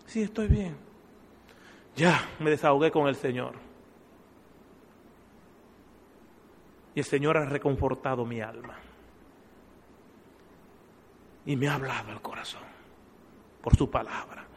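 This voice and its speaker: A man voicing an elderly male missionary, first plaintive and then quietly resolved, in a reverberant hall. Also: mid-range voice, moderate pace, a little hiss or hum, lightly acted. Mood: calm. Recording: long church hall reverb.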